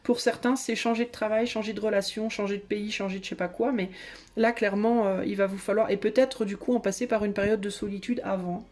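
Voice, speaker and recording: A woman's voice: medium pitch, fairly even intonation, fairly quick, darkish tone. A woman giving a casual tarot reading to her viewers, chatty and hesitant, with many fillers and restarts. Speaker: tarot reader.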